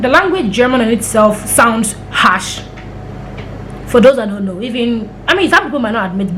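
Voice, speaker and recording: This young Ghanaian vlogger talks casually to her camera in a slightly high voice, rambling through stories and acting out the quotes. The audio is poor, with a bit of hiss or hum.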